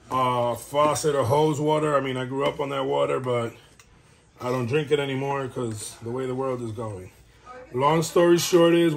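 A man breeding dogs, rambling casually through a how-to vlog from home while he works. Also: fairly high pitch. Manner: rambling and chatty, talks while working. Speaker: dog breeder. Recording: noisy home recording.

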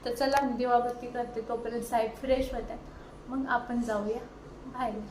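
A woman's voice: a little high, steady tone, moderate pace, reverberant. A woman in her thirties chatting to her viewers in a casual vlog, filmed on a phone she holds herself, first at her home terrace and then in a furniture shop. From India. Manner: chatty, addresses viewers directly, haggles loudly. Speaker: vlogger. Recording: noisy phone recording with traffic.

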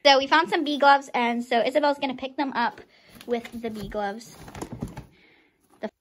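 Holding her phone camera, a teenage vlogger casually talks through her farm vlog outdoors by the barns and pens. Her voice is high-pitched and her pace moderate, and she comes across as chatty and giggly, filling gaps with lots of ums.

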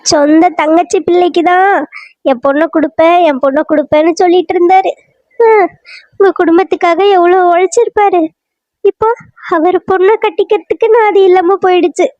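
A woman's voice: very high-pitched, normal speed, long pauses, darkish tone, no echo. A woman voicing a bitter, complaining middle-aged village mother in a cartoon serial, with a Kanyakumari Tamil accent and a wailing, reproachful way of talking. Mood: lamenting. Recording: dry, muffled lo-fi recording.

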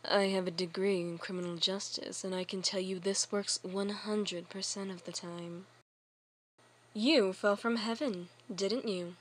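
A young woman doing an amateur comedy dub, switching quickly between several character voices in short sketches. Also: mid-range voice, fairly even intonation. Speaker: fan dubber.

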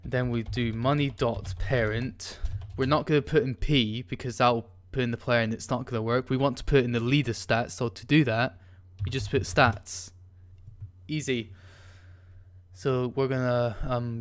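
A man hosts a screen-recorded coding tutorial, his voice smooth and clean. He talks casually and hesitantly, with many ums and restarts while he types, and a keyboard clacks faintly behind him. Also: medium pitch, steady tone, moderate pace. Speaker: tutorial host.

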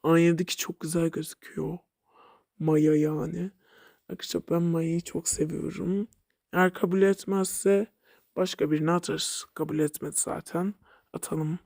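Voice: medium pitch, little pitch movement, normal speed, darkish tone, no room sound, clean studio sound. A game vlogger giving casual gameplay commentary, chatty and talking back at the game, sometimes dropping to a mutter.

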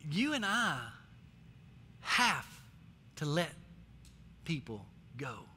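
Extremely slow and sing-song, a middle-aged American man's slightly high, bright and forceful voice preaches an emphatic, exhorting sermon, repeating phrases to drive his points home. He's on a large church stage indoors, amplified, with echoey hall reverb, faint music and slight background noise behind him.

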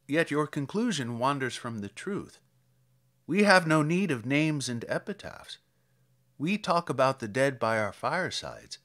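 In a dramatic verse reading, a man voices an old, reflective country priest, telling tales in a measured, plainspoken manner. His voice is mid-range and a bit bright.

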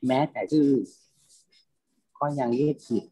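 A man's voice: a little slow, warm tone, low-quality recording. A middle-aged man, a film subtitle and dubbing translator, talking at length in a panel discussion, rambling and repeating words.

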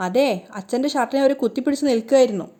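A woman voicing a smooth-talking, scheming middle-aged man who lies persuasively. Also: sits high, very fast, dark tone, close to an everyday voice.

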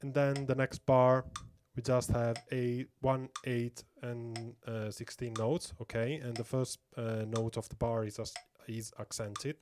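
A man's voice: mid-range voice, flat delivery, a little slow, few pauses, a little mellow, slight background noise. A man giving a step-by-step drum lesson, counting beats aloud and often checking in with "okay?". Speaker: drum teacher. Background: metronome clicks.

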